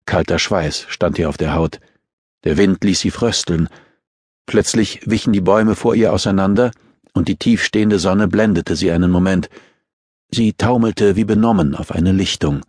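A man narrating a thriller audiobook in a measured, tense storytelling manner. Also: deep voice, a little mellow, slightly rough, dry recording, clean studio sound.

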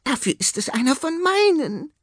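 A cocky tomcat hustler, wildly swooping voice, fast and pushy, dry storybook audio. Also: male voice, very high voice, big pitch swings, fairly bright tone, dry recording, pitched above the performer's own voice, exaggerated voice. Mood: brash. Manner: fast-talking, boastful and pushy. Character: brash male tomcat film director, cocky hustler.

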